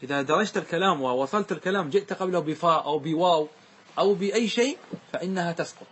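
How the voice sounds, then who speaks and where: Male teacher, slightly husky, higher voice, checks in with the class often. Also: fast talker, fairly bright tone. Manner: questioning students, repeating answers. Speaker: teacher explaining grammar verses. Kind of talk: classroom lesson.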